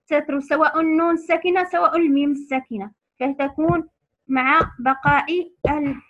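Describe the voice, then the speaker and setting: A woman teaching a lesson on recitation rules to other women, patiently repeating key terms slowly. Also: high-pitched, sharp tone, highs cut off.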